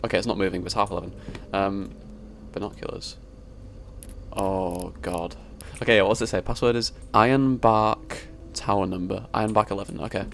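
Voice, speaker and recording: A man's voice: fairly low pitch, steady tone, fairly quick, vocal fry, fairly bright tone, slight background noise. A young man playing a horror game, swearing, jumping at scares and reading the game's text aloud. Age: young adult. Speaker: gaming YouTuber. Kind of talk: horror game let's play commentary.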